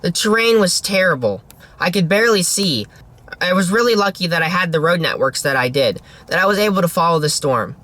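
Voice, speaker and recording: A man's voice: high-pitched, animated, brisk, sharp tone. A man narrating a storm-chasing vlog in an earnest, solemn manner, in the style of a scripted voice-over. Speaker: storm chaser, video host.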